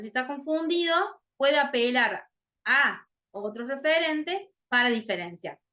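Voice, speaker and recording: Bright-voiced woman explaining a lesson. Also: a little high, muffled recording. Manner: checks in often with "¿sí?". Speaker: literacy teacher explaining a case.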